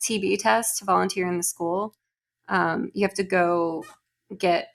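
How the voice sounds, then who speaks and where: A woman co-hosting a casual podcast, with a creaky, gravelly texture to her voice. She talks in an animated, exasperated way. Her delivery is dry and sardonic. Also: on the low side, a little slow. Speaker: podcast co-host. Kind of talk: casual chat.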